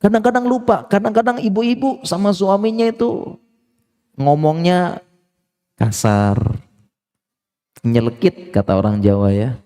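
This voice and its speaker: Middle-aged male preacher, mellow tone, animated storytelling sermon. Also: high voice, a little slow, pauses often. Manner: lively, acts out little dialogues. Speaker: Islamic preacher.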